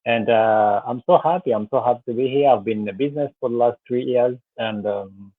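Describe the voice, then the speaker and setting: A business coach in his thirties from Rwanda speaks as a guest in a live interview, telling a personal story about his faith. His medium-pitched voice moves fairly quickly over a dry, thin, tinny line that sounds like a phone, with no echo. He is earnest, uses many fillers, and restarts a lot.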